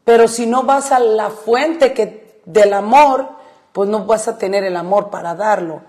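A woman's voice: mid-range voice, unhurried, dark tone. A woman co-hosting a faith-based marriage advice talk show, explaining Bible verses emphatically and repeating her points, with English fillers slipped into her speech. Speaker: radio co-host.

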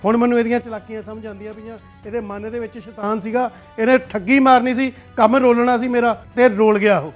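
Man playing an enraged betrayed son, Punjabi accent, very high voice, fast heated talk, faint music. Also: fairly even intonation. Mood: furious. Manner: heated, agitated complaining. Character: angry grown son betrayed by his brother. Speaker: actor in a family web drama.

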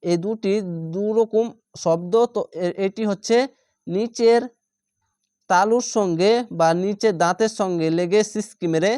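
In a clean, echo-free studio recording, a man with a high-pitched, darkish, clear and resonant voice guides learners through Quran reading. He patiently sounds out each Arabic letter and syllable, repeating them and drawing out the long vowels in a methodical way.

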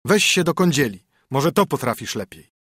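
A man's voice: a little high, animated, moderate pace, a bit bright, breathy edge, no room sound, clean studio sound, pitched above the performer's own voice. A man reading a fairy tale audiobook, voicing a stern poor minstrel husband who commands and scolds his wife. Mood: scolding.

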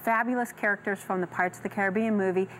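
A woman's voice: mid-range voice, steady tone, fast, background noise. A middle-aged woman speaking in a documentary interview as a show producer. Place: indoor interview set.

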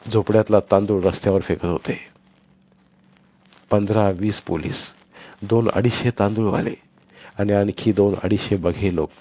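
A man reading a short story aloud in a dramatic, measured way. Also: on the low side, a little mellow, no echo. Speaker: audiobook narrator. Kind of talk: scripted story narration.

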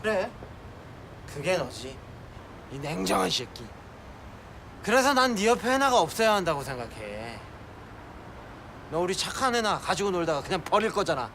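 High-pitched, swooping, increasingly drunk college senior. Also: male voice, very animated, moderate pace, long pauses, crowd noise. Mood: drunk, bitter. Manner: getting drunker, slurred and rambling. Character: drunk, clingy, bitter male college senior. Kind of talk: screen drama acting. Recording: noisy location sound with ambience.

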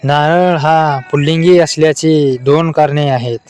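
A man reading out a string of short adult jokes in a flat delivery. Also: a little high, measured pace, over a noisy crowd, very noisy. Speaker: joke narrator.

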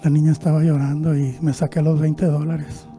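A male pastor, telling a story in a sermon in a church, swinging between hushed and loud. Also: on the high side, level tone, moderate pace, faint music behind.

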